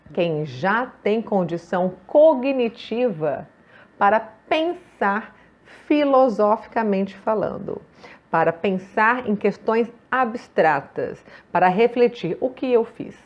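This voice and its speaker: Brazilian woman, therapist, lively rising pitch, rhetorical questions, dull lo-fi sound. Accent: Brazilian Portuguese. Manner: emphatic, rhetorical questions, acts out quotes. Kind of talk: informal talk to parents.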